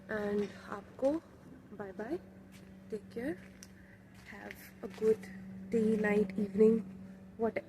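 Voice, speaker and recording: A woman's voice: medium pitch, dark tone, a little hiss or hum. A young woman with an Indian accent chatting casually in a vlog, switching between English and Hindi, recorded on a phone held at arm's length outdoors. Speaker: vlogger. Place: walking outdoors and on a rooftop terrace.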